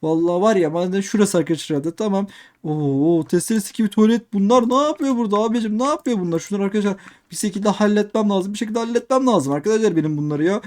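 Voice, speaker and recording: A young man doing excitable game commentary, repeating himself and talking straight to his viewers. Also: high-pitched, quick pace. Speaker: gaming youtuber. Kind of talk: let's play commentary.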